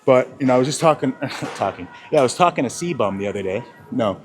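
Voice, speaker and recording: A man's voice: mid-range voice, expressive, quick pace, slight background noise. A man talking casually in a gym vlog while out of breath, rambling and swearing, with lots of sidetracks. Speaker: fitness vlogger. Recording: music playing clearly behind.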